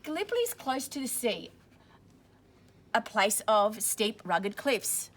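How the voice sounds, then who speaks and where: With a fairly high, sing-song voice, a woman on school staff reads a picture book to children. She pauses along the way to explain words plainly.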